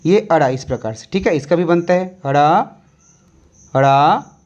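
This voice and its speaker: A teacher slowly dictating a Hindi syllable chart, calmly repeating each sound step by step for young pupils. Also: mid-range voice, lo-fi sound.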